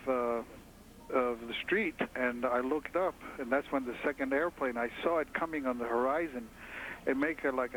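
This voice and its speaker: A man's voice: mid-range voice, poor audio. Shaky guy telling reporters what happened, stumbles over words, bit of noise behind. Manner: halting, shaken, many restarts. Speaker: eyewitness interviewed on the street.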